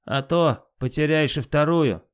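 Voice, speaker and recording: A defiant male fire god of myth, full of scorn and mockery, voiced by a man reading the tale aloud. He speaks higher and louder than the reader's own voice, taunting gods to their faces. A storybook performance of a spiteful trickster. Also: measured pace, clean tone, natural voice. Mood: defiant, mocking. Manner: mocking, defiant.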